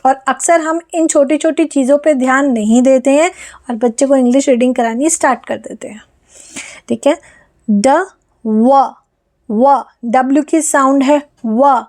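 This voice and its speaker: A woman teaching an online phonics lesson, slowly sounding out letters and blends. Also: high-pitched, darkish tone. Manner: slow, deliberate sounding out of letters.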